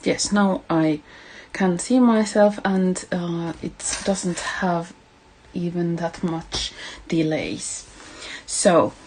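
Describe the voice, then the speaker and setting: A woman with a Finnish accent leads a casual craft livestream in a low-pitched voice. She talks very slowly and gently, pausing and hesitating as she addresses her viewers. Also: slight background noise, poor audio. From Finland. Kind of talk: casual live craft tutorial.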